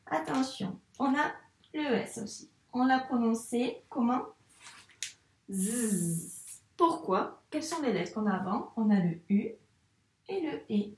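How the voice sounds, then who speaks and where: Heard from a distant mic in a roomy space, a woman with a high-leaning, mellow voice leads a children's reading lesson. As a primary school teacher, she goes slowly and patiently, carefully over-articulating the sounds of letters.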